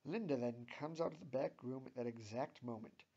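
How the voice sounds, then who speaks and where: A man's voice: medium pitch, brisk, warm tone, breathy edge. Man reading plainly on a dull lo-fi recording. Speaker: narrator. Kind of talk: deliberately bad comedic reading.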